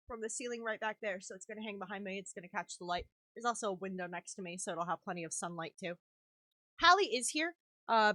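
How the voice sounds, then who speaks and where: A woman's voice: medium pitch, fairly bright tone, no echo. A woman chatting casually on a live stream while crafting, swearing freely and laughing often. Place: home craft room.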